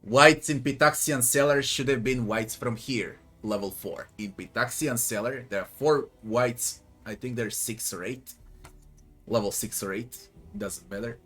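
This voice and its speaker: A Serbian man doing a game playthrough comments casually in a Serbian accent, grumbling, swearing and muttering to himself over faint game music. His mid-range voice is husky and a bit bright, and he speaks a little slowly.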